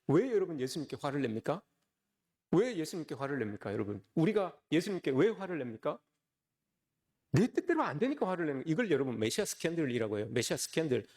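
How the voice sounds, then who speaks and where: A man's voice: a little high, sing-song, fast talker, a little mellow. A man preaching a Sunday sermon as a pastor, often calling out to the congregation with rhetorical questions. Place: church service.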